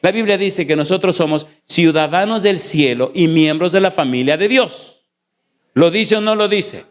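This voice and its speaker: Pastor guy preaching in church, keeps asking the crowd yes or no, slow punchy bits then fast bursts. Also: high-pitched. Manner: emphatic, repeated rhetorical questions to the congregation; shifts between slow stressed phrases and rapid runs. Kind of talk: sermon. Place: church sanctuary. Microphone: sermon recording.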